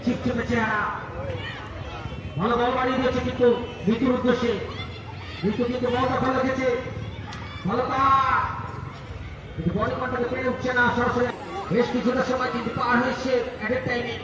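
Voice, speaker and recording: A man giving excited live football commentary in short, exclamatory bursts. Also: extremely high pitch, fairly quick, pauses often, background noise. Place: outdoor football ground. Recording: echoey outdoor PA, distant, crowd around.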